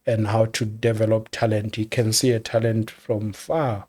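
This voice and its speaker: An older music executive with a South African accent and a lowish voice reminisces in a relaxed interview setting. He talks in a measured way, echoing his own words while thinking.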